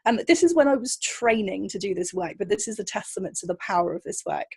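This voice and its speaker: A woman's voice: mid-range voice, lively intonation, fast, a little mellow, husky. A woman guest, a kinesiologist, telling anecdotes in a casual interview, often acting out the voices of the people she quotes.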